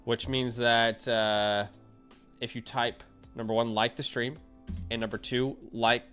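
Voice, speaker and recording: A man's voice: mid-range voice, level tone, unhurried, fairly bright tone, faint music behind. A man hosting a casual fantasy football livestream, talking upbeat and straight to his chat through a headset mic. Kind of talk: casual live-stream chat.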